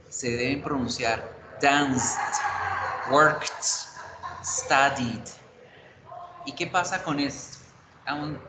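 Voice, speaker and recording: A man teaching an online English class, explaining grammar rules step by step, switching between Spanish and English and checking in with the class. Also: mid-range voice. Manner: spells out letters and asks the class for confirmation. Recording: roomy with background noise.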